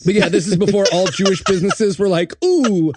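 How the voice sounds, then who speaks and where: A man's voice: sits high, fast talker, background noise. A man co-hosting a podcast, riffing with crude, sarcastic jokes. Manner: crude, sarcastic, animated joking. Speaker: podcast co-host. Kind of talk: casual comedic banter.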